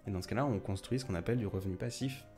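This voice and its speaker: A man with a fairly low voice hosts a casual late-night live stream. He rambles and restarts as he answers viewers. Faint music plays in the background. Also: racing, darkish tone. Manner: chatty, rambling, many fillers and restarts.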